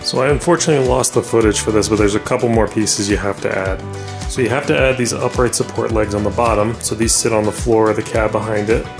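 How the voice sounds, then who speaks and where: Over clearly audible background music, a fast-talking man in his thirties with a lowish voice gives a casual how-to narration of a DIY project. He's relaxed and practical, saying "uh" a lot and correcting himself along the way.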